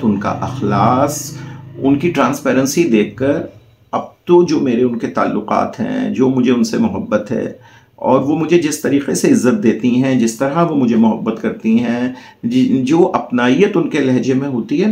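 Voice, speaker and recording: A man's voice: mid-range voice, creaky, dark tone, roomy sound. A man telling a heartfelt personal story as a channel host, in earnest, formal diction.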